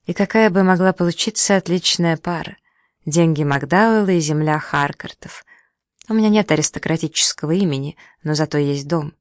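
An audiobook reader voicing a proud, sharp-tongued young woman who speaks with sarcasm and indignation. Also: low voice, normal speed, no echo, clean studio sound, close to an everyday voice. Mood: sarcastic. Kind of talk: audiobook dialogue.

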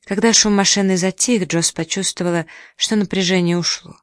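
Measured audiobook narrator, dry sound. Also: medium pitch, steady tone, no echo. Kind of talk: scripted narration.

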